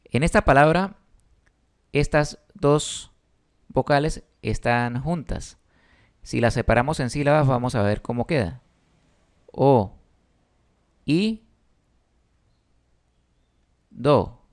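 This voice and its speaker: Slow, patient male teacher. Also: medium pitch, clean tone. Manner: slow, patient explaining with emphatic stresses. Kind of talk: spelling and accent lesson.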